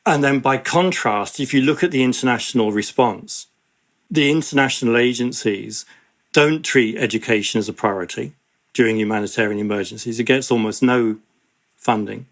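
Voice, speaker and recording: A man, an education advocate, speaking in an earnest, measured way in an interview. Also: mid-range voice, a bit bright. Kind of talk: reflective interview talk.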